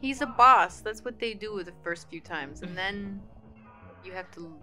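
A woman's voice: mid-range voice, unhurried, bright, forceful tone, faint music behind. A woman co-hosting a casual gameplay chat, cracking playful, goofy jokes while her friend plays. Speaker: co-host watching gameplay.

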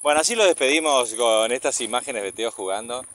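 Brisk and fairly bright, the man's medium-pitched voice has lively intonation. He's an Argentine father with a Rioplatense accent, recording a relaxed walking vlog outdoors on a handheld camera or phone and talking with his child. The background noise is clear.

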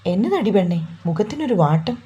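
A woman's voice: medium pitch, sing-song, a little fast, warm tone, highs cut off, lightly acted. Woman reading a teasing, bossy young fiancé. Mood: tender. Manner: teasing, coaxing, commanding.

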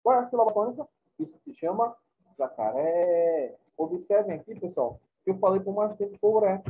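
A man gives a classroom lecture in a somewhat high, husky voice, repeating his points and checking in with the class. The recording is thin and phone-like. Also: quick pace. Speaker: teacher.

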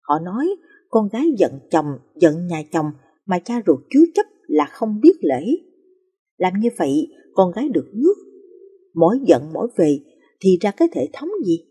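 Soft breathy woman telling sad stories. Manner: soft, emotional storytelling with lively pitch. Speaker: storyteller. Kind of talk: scripted narration of sad life stories.

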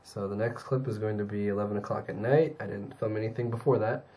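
A young man talking to his own camera in a casual daily vlog, rambling with fillers, hoarse and tired from a cold. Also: fairly even intonation, fast talker, dark tone, slight background noise. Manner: low-key, rambling with fillers. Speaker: vlogger.

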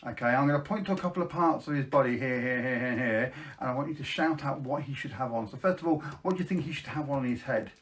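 A middle-aged man with a medium-pitched voice performs as a kids party magician. He speaks to young viewers at home, asking simple questions and coaxing them to join in and shout answers. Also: fast talker, hardly any pauses, a little hiss or hum. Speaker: children's magician, live show host. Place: small indoor room at home, facing camera.

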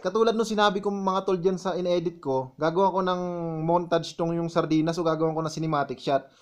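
A man with a fairly high voice gives a relaxed, chatty tutorial voice-over. He walks listeners through each step in turn and keeps calling them "tol" like old friends. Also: quick pace. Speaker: vlogger explaining his editing.

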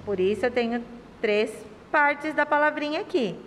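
A Brazilian woman teacher talks to young children in a slightly high, sing-song voice. She drags out syllables and keeps asking affectionate questions. The recording has a long room reverb and faint background noise. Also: animated, a bit bright. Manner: sing-song, stretches words and syllables slowly. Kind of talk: remote lesson for young children.

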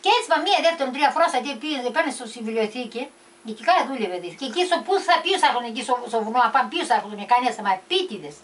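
An older woman telling a story from memory in a halting way, with many restarts and repeated words. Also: sits high, very animated. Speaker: storyteller recalling the past. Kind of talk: casual family storytelling. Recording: distant mic with faint background noise.

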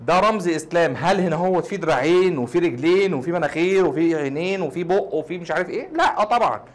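A young man with an Egyptian Arabic accent, a chemistry teacher explaining casually, quizzing the listener and answering his own questions. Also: a little high.

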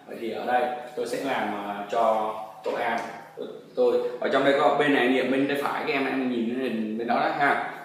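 A man's voice: medium pitch, a bit bright. A man teaching a textbook math lesson, coaxing pupils along with frequent tag questions. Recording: very echoey room, distant mic, faint noise.

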